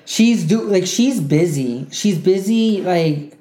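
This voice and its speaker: A woman's voice: fairly low pitch, lively intonation, slow, warm tone. A woman co-hosting a casual pop-culture podcast, opinionated and rambling with lots of fillers. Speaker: podcast co-host. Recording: echoey room.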